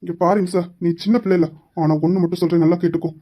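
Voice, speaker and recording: A woman's voice: lowish voice, level tone, racing, natural voice. A woman voicing a stern young husband who is a police officer, firm and lecturing, in an amateur family drama. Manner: firm, lecturing, shouts for his wife.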